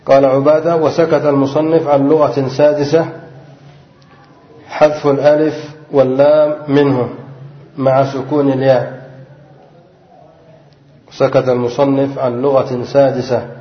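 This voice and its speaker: A man's voice: medium pitch, flat delivery, unhurried, pauses often. A man teaching Arabic grammar to a class, reading from a text and explaining it, often asking the students questions and answering them himself. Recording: roomy, muffled lo-fi recording.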